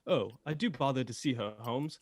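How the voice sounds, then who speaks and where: A man playing an earnest, easily shocked gentleman doctor in a radio play, proper and a little fussy. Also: medium pitch, normal speed, no room sound, lightly acted. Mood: concerned, fussy.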